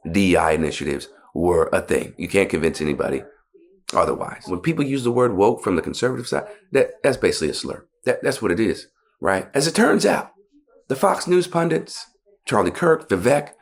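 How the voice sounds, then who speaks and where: Deep-voiced male political commentator. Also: vocal fry. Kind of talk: scripted news commentary.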